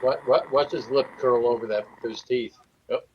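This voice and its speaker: A man's voice: mid-range voice, steady tone, moderate pace, dull audio, noisy background. A man in a casual watch-along commentary, chatting and sharing behind-the-scenes trivia. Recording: film music playing behind.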